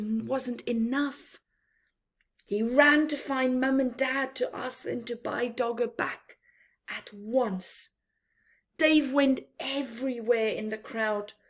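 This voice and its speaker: A high-pitched woman reads a picture book aloud to young children. She goes slowly and deliberately, telling the story in a dramatic, hushed way.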